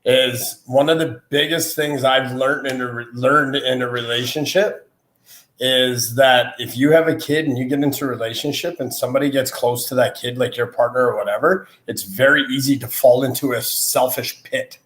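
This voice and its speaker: A man's voice: mid-range voice, normal speed. A man who is a podcast guest, telling personal stories earnestly. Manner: earnest storyteller, animated when recounting. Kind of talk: casual conversation. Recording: roomy echo.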